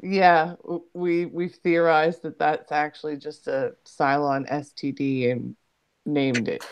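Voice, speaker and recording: A woman's voice: deep voice, flat delivery, takes it slowly, muffled recording, a little hiss or hum. A woman chatting casually as a podcast panelist. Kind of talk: casual chat.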